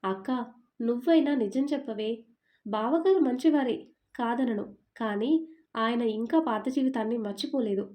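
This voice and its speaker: A woman's voice: fairly high pitch, normal speed, long pauses, a little mellow, natural voice. A woman voicing a stubborn, suspicious young woman who fires off accusing questions.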